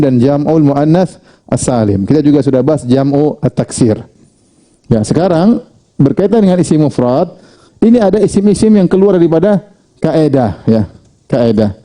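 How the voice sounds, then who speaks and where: A man teaching an Arabic grammar lesson, drilling with rhetorical questions, reading example phrases out slowly, and rising high for questions before dropping low for the answers. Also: warm tone. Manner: pitch swings widely between questions and answers. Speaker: Islamic studies teacher.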